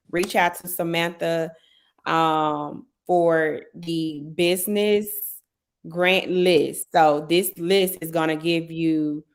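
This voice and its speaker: A woman hosting a casual livestream promotion, chatty and urging listeners on, repeating words for emphasis. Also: sits low. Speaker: livestream host, event organizer. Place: remote live video stream.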